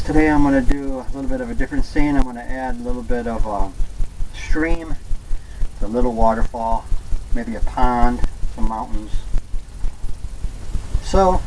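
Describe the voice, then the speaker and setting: A man giving a casual step-by-step painting lesson in a gentle, easygoing instructor's manner. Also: mid-range voice, slight background noise, low-quality recording.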